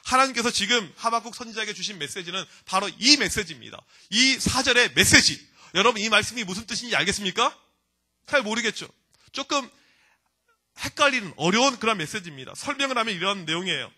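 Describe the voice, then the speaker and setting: A man preaches to a youth group in a church hall, lively and teasing, and he acts out little complaints along the way. His voice is bright and sharp and sits high for a man. He talks at a quick clip. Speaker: youth pastor. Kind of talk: sermon to teenagers.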